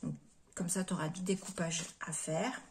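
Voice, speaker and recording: A woman craft vlogger chatting casually as she shows things off, gushing with repeated praise and often dropping to soft whispers. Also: lowish voice, fairly even intonation, moderate pace, slight background noise. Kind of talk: casual show-and-tell chat.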